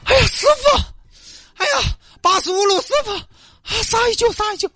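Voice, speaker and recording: A man voicing a frazzled, stubborn working woman with a Sichuanese accent who talks in shrill, wailing pleas. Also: normal speed, pushed and bright, no room sound, exaggerated voice. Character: frazzled stubborn woman worker, desperate for attendance bonus.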